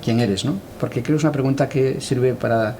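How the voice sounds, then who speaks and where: A middle-aged man from Galicia, Spain, giving reflective interview answers as a cultural editor, measured and thoughtful with hesitant pauses. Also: medium pitch, mellow, slight background noise.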